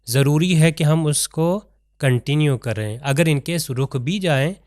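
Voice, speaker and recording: A man teaching an online Quran recitation lesson, explaining step by step with examples and reciting Arabic verses slowly. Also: on the high side, darkish tone, no room sound, clean studio sound.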